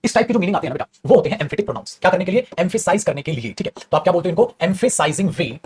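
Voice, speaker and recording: A man teaching an English grammar class, talking quickly and chattily and calling his students "beta". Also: sits high, animated, darkish tone, a little hiss or hum. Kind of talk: classroom grammar lesson in Hindi.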